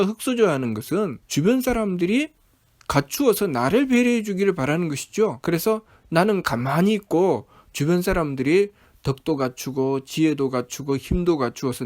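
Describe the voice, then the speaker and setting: A man's voice: fairly high pitch, a little mellow. A man preaching a sermon, steadily posing one rhetorical question after another.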